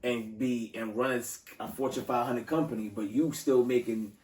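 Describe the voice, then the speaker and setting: A man's voice: medium pitch, steady tone, moderate pace, darkish tone, distant mic, a little hiss or hum. A man hosting a casual podcast chat, loose and slangy, often restarting his sentences. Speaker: podcast host. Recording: roomy sound from off mic.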